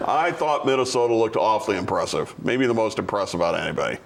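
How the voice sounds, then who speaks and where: A man's voice: lowish voice, big pitch swings, fast, gravelly. A man co-hosting a sports talk show, casual and teasing, throwing questions to the panel.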